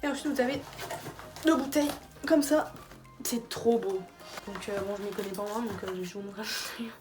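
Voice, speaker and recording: A woman's voice: medium pitch, moderate pace, music in the background. A young woman in a casual gift-idea vlog, tired late at night, chatty and rambling with fillers and restarts. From France. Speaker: YouTuber. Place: small bedroom.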